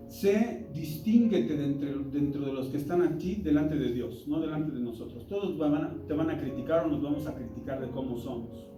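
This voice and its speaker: A man leads a church Bible lesson in a conversational, emphatic way, tossing questions to the listeners. His voice sits a little high and is picked up from a distance. It echoes around the room, with music playing clearly behind him. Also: moderate pace, hardly any pauses. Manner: conversational and emphatic, quizzing the congregation. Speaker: Bible class teacher. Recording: roomy hall, distant mic, music behind.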